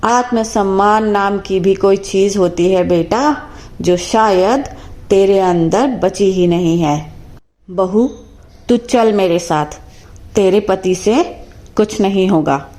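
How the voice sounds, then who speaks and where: A woman's voice: mid-range voice, slow pace, mellow, natural voice. A woman voicing a bold, fierce older mother-in-law who scolds and gives orders in a cartoon story. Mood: firm. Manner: scolding and commanding.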